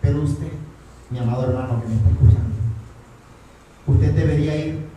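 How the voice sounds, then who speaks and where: Male pastor, high, mellow preaching voice, mic far off in an echoey church hall. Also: normal speed, muffled recording, a little hiss or hum. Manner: asks the congregation rhetorical questions. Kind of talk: sermon.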